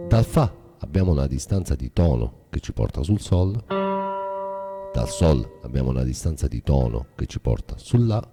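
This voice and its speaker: A man's voice: rumbling low, creaky, long reverb tail. A man teaching music theory as a guitar teacher, explaining step by step in a patient, methodical way.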